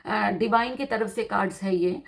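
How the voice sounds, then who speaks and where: A woman's voice: medium pitch, normal speed, vocal fry. A woman giving a tarot reading to her viewers in a teacherly, explanatory way, repeating her points and mixing in English terms. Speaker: tarot reader.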